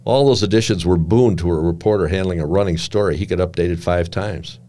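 An older man reading his own memoir aloud with measured, dry and wry storytelling. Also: low voice, mellow.

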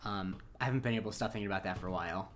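A man's voice: lowish voice, very fast, a bit bright. A man co-hosting a podcast, recapping an episode in rambling casual chat. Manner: rambling, many fillers and restarts. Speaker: podcast co-host.

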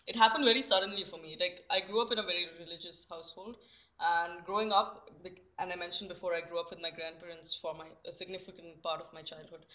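A woman's voice: on the low side, bright, forceful tone. A young woman, a podcast guest chatting candidly and self-deprecatingly, with many fillers and restarts. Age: young adult. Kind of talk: casual podcast chat. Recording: slightly muffled lo-fi recording.

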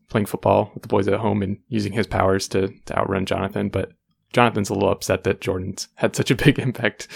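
A man co-hosting a casual podcast, recapping a TV episode in a relaxed way with many fillers. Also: on the low side, creaky. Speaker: podcast co-host.

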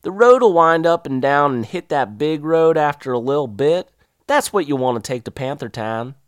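A woman's voice: sits low, expressive, moderate pace, no room sound, studio quality, voice pushed up. A man voicing a terse, wary rural woman who gives offhand, drawling directions.

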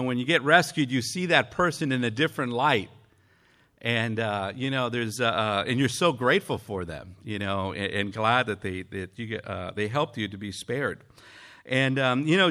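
Bright-voiced earnest male preacher. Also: mid-range voice. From Mexico. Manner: earnest, halting with frequent fillers. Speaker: pastor. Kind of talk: conversational church sermon.

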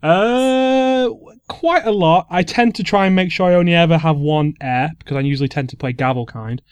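A man's voice: on the high side, normal speed, clean tone, no room sound. Giggly, hesitant man. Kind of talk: casual podcast chat.

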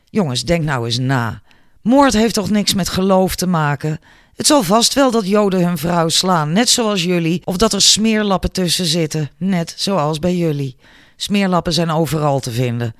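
A man's voice: sits high, lively intonation, normal speed, a bit bright, dry recording, clean studio sound. A man voicing a bold, fearless young woman in an audiobook, speaking with sarcastic scolding. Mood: lecturing.

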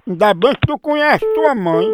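Guy with a really high voice, bouncy and lively, teasing folks on a radio prank call. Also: normal speed, very noisy. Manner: teasing, joking, playful.

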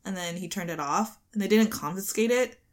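A woman's voice: mid-range voice, brisk. A young woman hosting a podcast, ranting in a worked-up way and swearing freely in casual chat. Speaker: podcast host. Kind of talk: casual pop culture rant.

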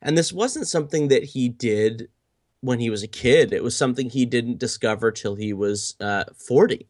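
A man's voice: mid-range voice, moderate pace, a little mellow, no echo, studio quality. A man co-hosting a podcast, telling stories in casual chat with frequent fillers and restarts. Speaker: podcast co-host.

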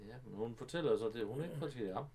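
Man in a relaxed film chat. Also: mid-range voice, slightly rough. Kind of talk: casual chat about a film.

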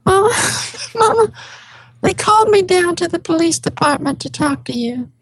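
A woman playing an exasperated grown child, her voice raised by a formant shift and sitting high. She pleads with and scolds her mother in steady turns. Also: normal speed, big-room sound, noisy background. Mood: pleading. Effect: formant shifted up, higher voice.

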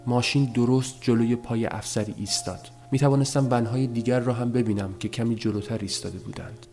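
A man narrating a story as an audiobook, in a measured, subdued telling. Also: medium pitch, steady tone, warm tone, faint music behind.

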